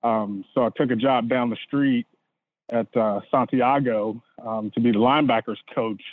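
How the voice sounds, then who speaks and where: A man's voice: medium pitch, fairly even intonation, moderate pace. A middle-aged man from Indiana, a football coach, answering interview questions in an earnest, hesitant way with many fillers. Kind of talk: casual interview. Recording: dry, phone-like remote line.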